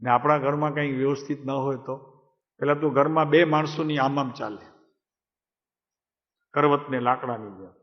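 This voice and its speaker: A man's voice: medium pitch, steady tone, normal speed, long pauses. A man giving a devotional talk to a gathering, in a conversational manner, asking listeners questions and calling on them by name. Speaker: spiritual teacher. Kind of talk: devotional discourse to a live gathering. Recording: echoey hall, dull lo-fi sound.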